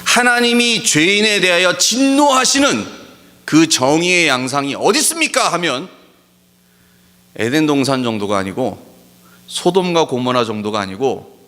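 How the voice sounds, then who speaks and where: A man preaching a sermon as pastor, pressing his points with emphatic rhetorical questions and slowing down to stress key words. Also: medium pitch, fairly bright tone. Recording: long hall reverb.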